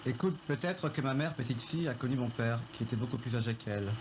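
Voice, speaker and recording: A man recalling his family's story in a film interview, reflective and halting, with many pauses. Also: medium pitch, noisy background. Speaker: filmmaker recounting his family.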